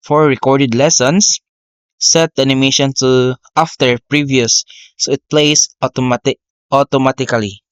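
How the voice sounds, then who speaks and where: A male teacher walking through a software tutorial step by step, often saying okay and correcting himself. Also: mid-range voice, steady tone, moderate pace, smooth, no echo. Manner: step-by-step, frequent "okay" and "uh" fillers, self-corrections. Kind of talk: screen-recorded software tutorial. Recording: dry, dull lo-fi mic.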